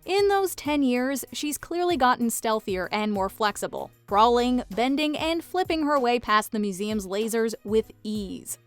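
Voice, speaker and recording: A woman narrates a scripted countdown in a fairly high, very animated voice. Faint music plays behind her. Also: unhurried, hardly any pauses. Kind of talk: scripted pop-culture narration.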